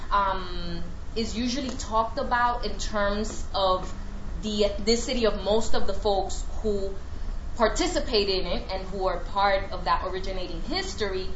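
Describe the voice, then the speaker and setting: A woman researcher giving an academic lecture, pausing often with "um" between prepared passages. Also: medium pitch, fairly bright tone, slight background noise. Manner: halting, with frequent "um" pauses between read passages. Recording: roomy, dull lecture recording.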